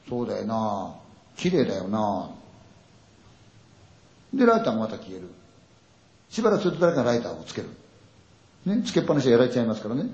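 A man's voice: medium pitch, mellow. An older man performing a spoken ghost story, acting out frightened friends' dialogue with lots of sound words. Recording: echoey dull audio.

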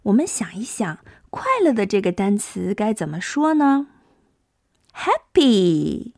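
A woman's voice: medium pitch, animated, gravelly, darkish tone, no echo, clean studio sound. A young woman teaching English to small children, coaxing them along and stretching out each sound to demonstrate it. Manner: coaxing, drawn-out demonstrative phonics. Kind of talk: children's language lesson.

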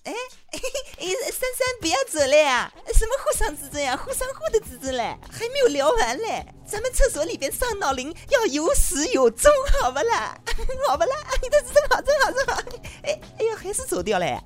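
A woman voicing a teasing foreign gentleman who speaks Mandarin with a Shanghai accent, in a comedy radio sketch, with gleeful, drawn-out sentence endings. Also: very high voice, big pitch swings, soft background music, pitched above the performer's own voice. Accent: Shanghai-tinged Mandarin.

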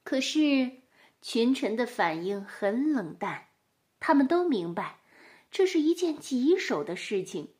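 A woman narrating a storybook with an expressive, animated delivery. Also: a little high, takes it slowly.

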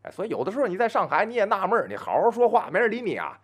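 A man telling a traditional folk story on his own, chatty and full of asides, slowing down to chant opening verse. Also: high-pitched, huge pitch swings, breathy edge. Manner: chants verse slowly and grandly.

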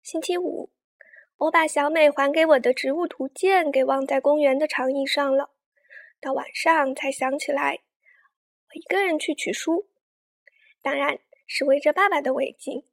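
High-voiced woman telling a children's story. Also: steady tone, normal speed. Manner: warm, coaxing tone addressing children. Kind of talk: gentle picture-book narration for children.

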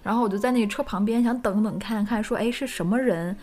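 A woman co-hosting a live chat stream, casual, giggly and animated. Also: a little high, quick pace.

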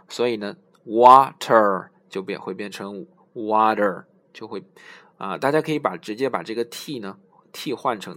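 A man's voice: on the low side, fairly bright tone. Man teaching English pronunciation. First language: Chinese. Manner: explains in Chinese, models English words slowly and repeats them. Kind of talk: pronunciation lesson.

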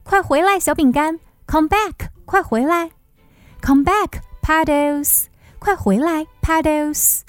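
A playful young puppy owner calls out in a high sing-song , acted by a woman reading to a toddler. The storybook voice is coaxing and sits close and dry over light music. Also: takes it slowly, dry recording. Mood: calling out.

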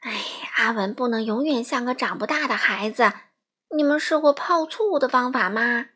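A woman's voice: fairly high pitch, moderate pace, a bit bright, husky. A woman voicing a fussy, bossy middle-aged woman neighbor in a storybook, nagging and know-it-all.

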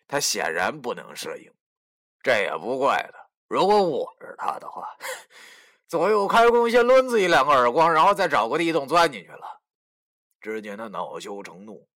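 A man's voice: mid-range voice, fairly bright tone. A man narrating a first-person web novel in a wry, mocking, slangy manner. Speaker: storyteller.

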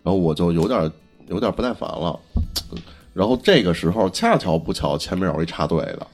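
Lively Beijing man, raspy and quick. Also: sits low, soft background music. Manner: animated, acts out quotes, colloquial and sweary. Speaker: podcast co-host. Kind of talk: casual chat, telling anecdotes.

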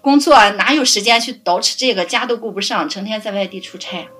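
A middle-aged woman caring for her parents, telling stories in a lively way and laughing often. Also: mid-range voice, fairly quick, breathy edge, soft background music. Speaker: family caregiver guest. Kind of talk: casual interview storytelling.

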